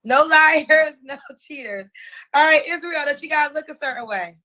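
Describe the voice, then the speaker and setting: A woman hosting a live-stream dating interview, firing off quick questions and repeating the answers back. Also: high voice, sharp tone.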